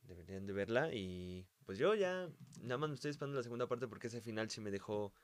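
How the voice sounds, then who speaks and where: A man with a Mexican Spanish accent, co-hosting a casual podcast chat and adding short, low-key, laid-back remarks. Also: lively intonation, quick pace, clear, resonant tone, no room sound. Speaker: podcast co-host.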